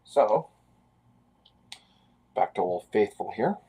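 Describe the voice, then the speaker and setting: Live-streaming his drawing, a Canadian man in his forties rambles casually and makes self-deprecating asides. He speaks slowly but very animatedly, in a lowish, warm, husky voice.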